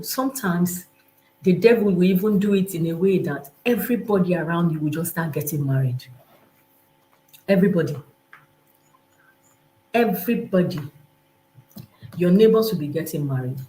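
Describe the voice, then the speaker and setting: This Nigerian-accented woman has a lowish voice with a dark tone as she teaches informally and motivationally over a live stream. Her delivery is emphatic, chatty and heavily repetitive, and she voices imagined remarks. The audio echoes around a roomy space.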